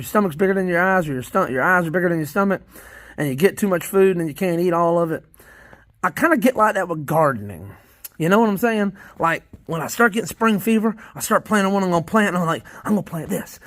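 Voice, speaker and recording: A man's voice: sits high, a bit bright, dry recording. A man with a Southern American accent chatting casually to viewers in a vlog about his worm bins, rambling and repeating himself in a folksy way. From Southern United States. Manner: repeats phrases, restarts often. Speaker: worm farmer vlogger.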